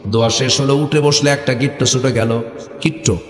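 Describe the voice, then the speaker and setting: Booming preacher in an echoey hall. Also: male voice, steady tone, brisk, faint music behind. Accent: North Bengal (Bogura) Bengali. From Bogura, Bangladesh. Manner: call-and-response, prompts the crowd to chant back; swings between loud exhortation and low asides. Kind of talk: Islamic sermon (waz) to a live crowd. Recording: echoey hall with long reverb.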